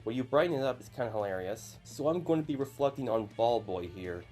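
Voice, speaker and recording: Animated and a little fast, a youthful-sounding YouTuber in his early twenties hosts casually, with chatty, apologetic asides. His mid-range voice has a darkish tone, and soft music plays in the background.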